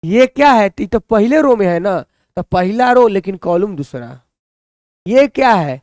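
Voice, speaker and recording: A man's voice: sits high, expressive, a little slow, a little mellow, dry recording, studio quality. A man teaching a maths lesson, who keeps asking the students questions and answering them himself.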